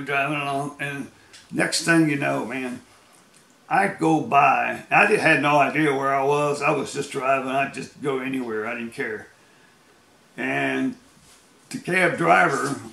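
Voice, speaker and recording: A man's voice: medium pitch, vocal fry, bright, forceful tone, echoey room. An American man telling rambling road stories in a casual, folksy way, often laughing as he goes. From United States. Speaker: storyteller. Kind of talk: casual storytelling.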